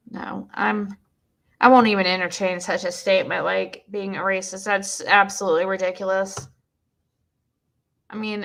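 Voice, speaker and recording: A woman streamer with a squeaky voice chatting bluntly and rambling with her viewers, recorded on a cheap mic. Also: creaky, fairly bright tone. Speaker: streamer reading chat. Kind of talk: casual live-stream commentary. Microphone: cheap twelve-dollar mic.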